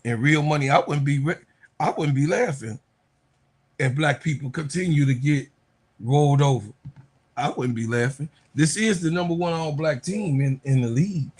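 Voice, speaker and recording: A man's voice: a little high, moderate pace, darkish tone, husky. A man co-hosting a podcast, arguing heatedly about basketball with emphatic, repetitive, preachy points. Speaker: podcast co-host. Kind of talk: heated sports debate.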